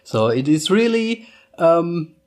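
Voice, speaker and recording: A man in his thirties, from Austria and raised in Germany, co-hosts a casual couple podcast in English with a German accent, sometimes searching for words. His fairly high voice is very animated, though he speaks slowly, with faint music in the background.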